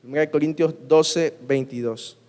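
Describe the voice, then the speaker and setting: A man's voice: a little high, fairly even intonation, moderate pace, a little mellow. A man preaching in a conversational way with rhetorical questions and personal anecdotes, unable to pronounce his R sounds properly. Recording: long hall reverb.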